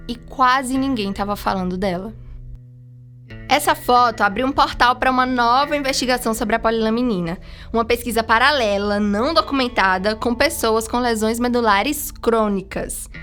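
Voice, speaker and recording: A Brazilian woman with a fairly high voice narrates a journalism podcast from a script. She keeps it informal and conversational, with music playing behind her. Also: fairly bright tone.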